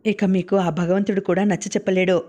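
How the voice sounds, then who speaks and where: Stubborn sick young wife, read by a woman, flat even voice, won't budge. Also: medium pitch, brisk, slightly rough, close to an everyday voice. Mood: defiant. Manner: stubborn, impassioned refusals. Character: defiant ailing young wife.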